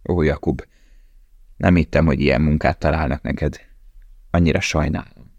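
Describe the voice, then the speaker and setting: A man voicing a young male prisoner who speaks quietly and with resignation. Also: rumbling low, fairly even intonation, dry recording, dull audio. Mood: resigned.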